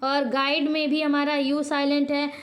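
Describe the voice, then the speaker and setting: A woman with a high, light voice explains a lesson to her channel's viewers. She drills each point by posing a question and answering it at once. She often pauses and corrects herself mid-word. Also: monotone. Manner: frequent hesitations and self-corrections. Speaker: teacher; channel host.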